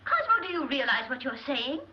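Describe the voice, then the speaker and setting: High-pitched scolding wife, screwball banter. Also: female voice, very animated, fairly quick. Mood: indignant. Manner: scolding, plaintive, theatrical. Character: indignant, nagging middle-aged wife of a banker. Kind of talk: old Hollywood screwball comedy banter. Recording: dull, noisy old film soundtrack.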